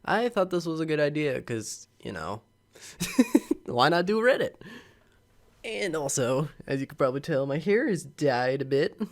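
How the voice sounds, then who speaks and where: A slightly sick young man reads online posts to his camera mic in a casual vlog, rambling, chuckling, and using lots of fillers. His voice is fairly high and sing-song, and he goes a little slow.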